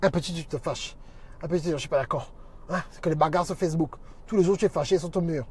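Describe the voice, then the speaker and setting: A man's voice: on the high side, fast, darkish tone, breathy edge. A man talking on a casual livestream, preaching emphatically and greeting viewers by name as he goes. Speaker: minister and social media teacher.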